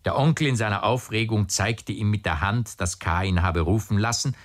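A man narrating a literary audiobook in a measured, storytelling manner. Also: on the low side.

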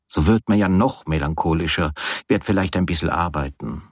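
A worn-out, feverish man grumbling with dark sarcasm, as a male narrator plays him in a storybook reading. His deep voice carries a husky edge, heard close and dry. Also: brisk, no room sound. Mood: sardonic. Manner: gloomy, sardonic. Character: weary feverish sardonic man.

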